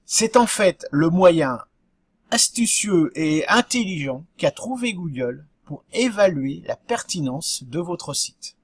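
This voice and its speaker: A man's voice: a little high, lively intonation, slow pace, husky, no echo, studio quality. A man giving a lesson on web marketing, talking straight to viewers and asking rhetorical questions. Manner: didactic, addresses viewers directly with rhetorical questions. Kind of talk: explanatory video talk.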